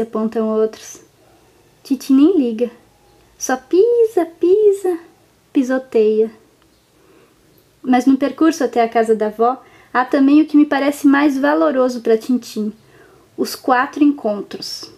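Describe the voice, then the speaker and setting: A woman, gently narrating a reflective personal story in short, lingering phrases. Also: high voice, animated, unhurried.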